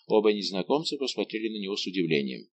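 Brief: male narrator, dramatic audiobook reading, lowish pitch, very lively intonation. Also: quick pace, muffled recording, slight background noise. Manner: expressive, vivid storytelling.

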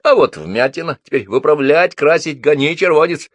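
A rough van driver who bellows and threatens, as a male reader puts him on. The voice is strained high and loud, with pitch swinging wildly. Read for an audiobook in a dry, close sound. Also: expressive, moderate pace, no echo. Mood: bellowing. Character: coarse shouting male van driver, aggressive. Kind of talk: audiobook reading.

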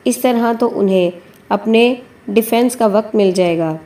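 A woman's voice: fairly high pitch, mellow, lightly acted. A woman voicing an eager young male newsroom colleague laying out his idea. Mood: suggesting.

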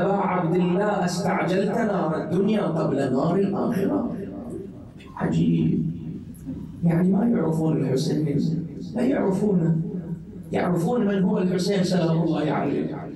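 Impassioned high-voiced preacher. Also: male voice. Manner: impassioned, recounting with quoted speech. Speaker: mulla preacher. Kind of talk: Muharram sermon. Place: mosque. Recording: echoey mosque hall, distant mic, congregation.

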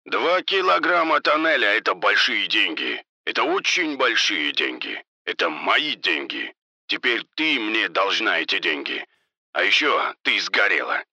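A man's voice: lowish voice, sing-song, a little slow, sharp tone, no echo, exaggerated voice. A man voicing an angry drug boss who speaks harshly and menacingly.

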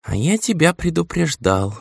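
A man's voice: on the high side, sing-song, moderate pace, vocal fry, husky, no echo, clean studio sound, pitched above the performer's own voice, exaggerated voice. A man voicing a stern scolding old steward. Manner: nagging, lecturing elder.

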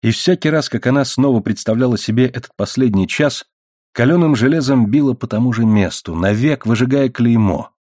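A man narrating a novel as an audiobook, reading in a measured, steady way. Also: mid-range voice, no echo, clean studio sound. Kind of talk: scripted narration.

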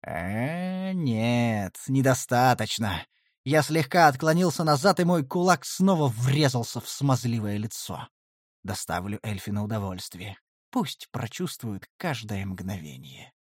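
Man, audiobook narrator, first-person fantasy, wry, mid pitch, dry close sound. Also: lively intonation, normal speed, breathy edge, dry recording.

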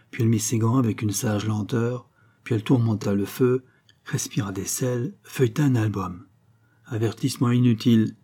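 A man narrating a classic novel as an audiobook, in a measured literary reading. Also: lowish voice, warm tone, slightly rough.

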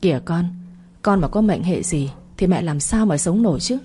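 A woman's voice: fairly low pitch, animated, moderate pace, breathy edge. A woman voicing a scheming, cruel middle-aged mother with a conniving way of talking. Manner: coaxing then sharp, conniving.

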